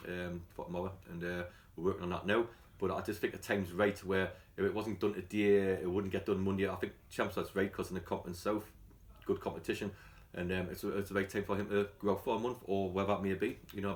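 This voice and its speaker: With a London accent, this man speaks quickly in a fairly low, flat voice with little pitch movement. He comes across like a football manager at a casual press catch-up, chatty and colloquial, talking the way he would with mates.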